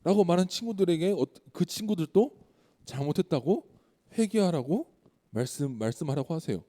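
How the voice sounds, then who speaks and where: Mellow-voiced man preaching to children. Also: a little high, normal speed. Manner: questions to the children, lively retelling. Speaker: children's pastor. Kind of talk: children's sermon storytelling. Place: church hall. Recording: long church-hall reverb.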